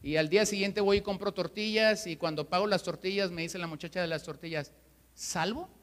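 A high, bright-toned pastor delivers an emphatic sermon. He drives his points home with rhetorical questions. His voice rings with the long reverb of a church hall. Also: fairly even intonation, fairly quick. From Mexico.

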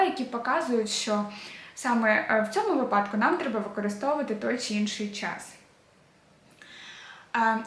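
A woman teaching a beginners' Spanish lesson, patiently repeating verb endings and stress points. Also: a little high. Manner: patient, drills endings slowly and repeats them. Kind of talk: explaining a language lesson. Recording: echoey room.

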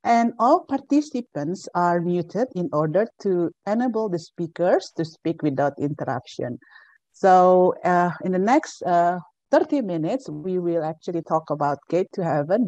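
Woman, indonesian accent, mellow dark voice, dry webcam sound, careful, uh fillers. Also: lowish voice, dry recording, rough recording. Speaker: moderator. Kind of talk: moderating a film Q&A. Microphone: webcam on a video call.

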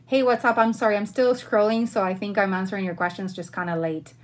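Fast and fairly even in intonation, her medium-pitched voice carries a casual livestream. The host, an Argentine woman in her thirties, sits in her bedroom at home answering viewer questions in an informal, friendly manner.

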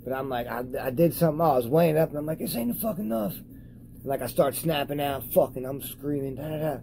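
A high young man rambling profanely and losing his train of thought in a casual vlog. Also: fairly even intonation, a little fast, dark tone, a little hiss or hum, rough recording. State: high on cannabis. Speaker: cannabis vlogger. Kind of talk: casual stoned rambling to camera.

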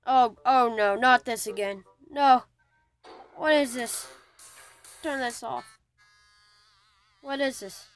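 A woman giving casual gaming commentary as a channel host, chatty and excitable and quick to grumble about the game. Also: on the high side, faint music behind, rough recording.

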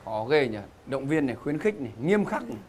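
A man's voice: medium pitch, very animated, fairly quick, a little mellow, a little hiss or hum. A middle-aged man hosting a game show, with joking, teasing banter and theatrical emphasis. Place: TV studio stage.

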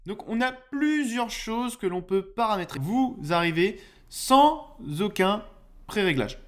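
Recording at home on the USB desk microphone he's reviewing, a tech YouTuber talks through a casual screen-share tutorial, explanatory but hesitant and filler-heavy. His voice is high, expressive, and a bit bright, with an unhurried pace.

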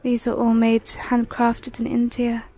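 Filming with a handheld phone, a vlogger wanders a big home decor shop giving casual shop-with-me commentary. Her mellow voice is a little high and monotone, her pace unhurried; she's chatty, calls out prices, and occasionally slips into a whisper.

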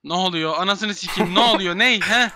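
A man's voice: sits high, a little fast, bright, forceful tone. A young man in casual game voice chat, bossily herding players into rooms and swearing. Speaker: gamer streamer.

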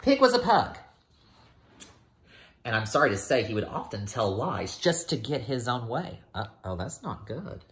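An American teacher in his thirties reads a picture book aloud to first graders, tossing in casual asides. His medium-pitched voice has a sing-song lilt at a normal speed, captured by a phone or laptop at arm's length in a small room at home.

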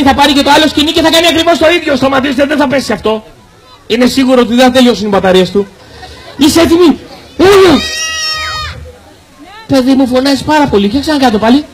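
A man performing a magic show for children at an outdoor carnival, with animated, teasing patter and calls to the crowd. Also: extremely high pitch. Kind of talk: playful live show patter.

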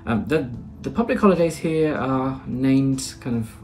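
Speaking from a small, plain indoor room, a thirtysomething man from Britain rambles through casual vlog chat and voice-over narration, dropping plenty of "uh"s and restarting often. His British English sits in the mid range, a little mellow, with lively intonation and an unhurried pace. There's slight background noise.

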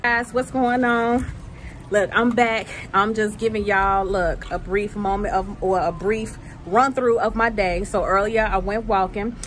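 A woman's voice: medium pitch, fairly even intonation, a little slow, a little hiss or hum. A woman vlogging outdoors on a walk, out of breath, upbeat and encouraging, often asking "right?" and saying "y'all". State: out of breath while walking. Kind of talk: casual motivational vlog. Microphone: phone camera held by a companion.

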